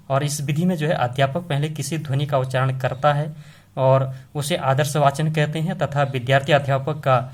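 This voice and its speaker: A man at a middle pitch lectures on teaching methods for an exam-prep class. He talks patiently and repetitively, padding his sentences with fillers and frequent tag questions. His tone stays steady and instructional throughout. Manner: explains step by step with many fillers and tag questions.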